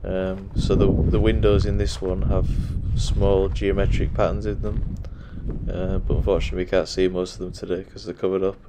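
A man narrating a walking tour of a churchyard in a relaxed way, with frequent ums, recorded outdoors on an action camera. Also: deep voice, normal speed. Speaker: walking vlogger. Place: outdoors in a windy rural churchyard. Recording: loud wind noise on the mic. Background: wind.

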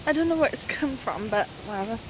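Fast-talking and animated, a young woman with a fairly high voice vlogs amid heavy background noise. She rambles and giggles into a handheld phone camera held at arm's length, moving from a small indoor flat out to a windy street.

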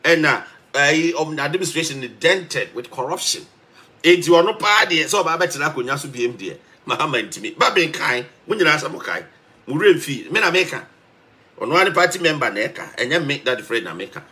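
Expressive and a little fast, this young man's voice sits on the high side with a bright, forceful tone. Speaking to camera in a Ghanaian accent, he delivers emphatic political commentary in mixed English and Twi, laughing mid-rant, from a small indoor room with a TV behind.

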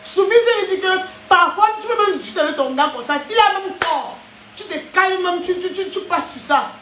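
A woman's voice: extremely high pitch, moderate pace, echoey room, background noise. A young woman chatting animatedly in a vlog, often tossing in "hein?". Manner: animated, acts out scenes, frequent "hein?". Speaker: vlogger. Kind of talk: casual chat monologue.

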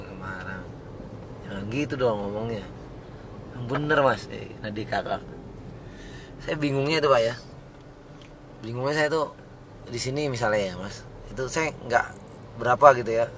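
A man's voice: medium pitch, normal speed, pauses often, noisy background. A man from Jakarta chatting and joking with a driver, asking him lots of questions. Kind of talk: casual chat.

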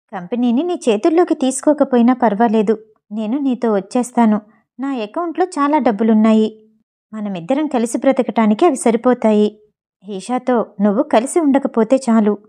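Picture a furious wealthy mother, middle-aged and scheming, spitting out quick, heated words, as a woman narrator reads her part. The voice is a touch high and mellow rather than bright. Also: natural voice. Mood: pleading.

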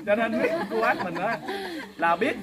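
Southern Vietnamese male lay preacher, high voice, folksy earnest storytelling to a pilgrim group. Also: moderate pace, a loud crowd. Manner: folksy, earnest, keeps addressing listeners directly.

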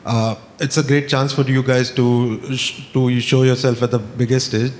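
A man's voice: medium pitch, flat delivery, moderate pace, slight background noise. A man, a reporter, asking a long-winded question at a press conference with some fillers.

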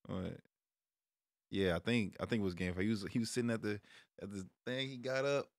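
Wearing a headset and speaking into a close stand microphone, a thirtysomething American streamer talks sports casually to camera indoors in a small home room. His voice is lowish and brisk with fairly even intonation, and the recording is studio-clean without echo, his delivery slangy and relaxed.

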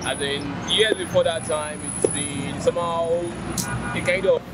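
A man's voice: fairly high pitch, fairly even intonation, a little slow. A Nigerian man in his thirties answering a street interviewer outdoors, hopeful and checking that he is understood. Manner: hopeful, asks "you understand?". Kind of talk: vox pop answer. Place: roadside outdoors. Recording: loud traffic noise.

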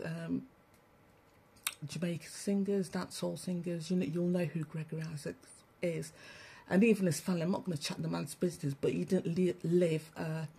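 A woman's voice: fairly low pitch, gravelly, dark tone, husky. A woman giving a blunt, preachy spiritual monologue to listeners she calls family, swearing freely as she rants. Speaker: spiritual broadcaster. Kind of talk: ranting livestream monologue.

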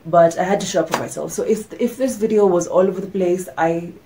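A young adult woman vlogs candidly to camera from her bedroom, sick, stuffy, and losing her voice. Her lowish voice is quick and dark-toned, and she keeps restarting sentences, filmed in medium framing by a camera in front of her.

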